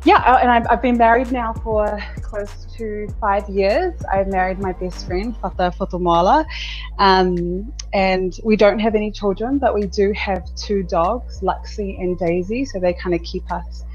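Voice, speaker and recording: Soft music plays behind a muffled recording of a woman in her thirties from New Zealand, speaking a little slowly in a mid-range voice. She owns a business and is a candid, chatty podcast guest in a casual interview, often laughing and repeating herself.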